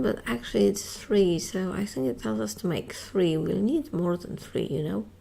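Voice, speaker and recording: A woman's voice: mid-range voice, gravelly, dark tone, husky. A tired woman giving casual, rambling commentary while playing a modded building game, chatty and self-mocking. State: tired, yawning. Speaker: Minecraft modpack let's-player.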